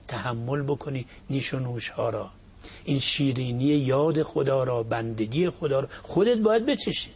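A man giving a religious talk as a cleric. He explains points quickly and then slows right down to recite verses in a drawn-out chant. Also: mid-range voice, husky. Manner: shifts between quick explanation and slow, drawn-out Arabic recitation.

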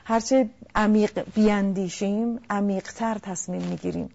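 A woman counselor calmly explaining family communication on a talk show, speaking directly to listeners. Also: medium pitch, gravelly, dull audio.

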